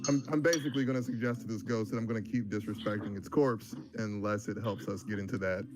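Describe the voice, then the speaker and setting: A man's voice: fairly low pitch, fairly even intonation, quick pace, over music. A man playing a tabletop game, brash, sarcastic and profane. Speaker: player.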